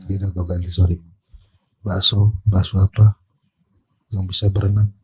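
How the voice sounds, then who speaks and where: A man's voice: sits low, flat delivery, normal speed, husky. A man with a Jakarta Indonesian accent trading dad jokes in slangy, casual banter for an ASMR joke session. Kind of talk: ASMR joke-telling among friends.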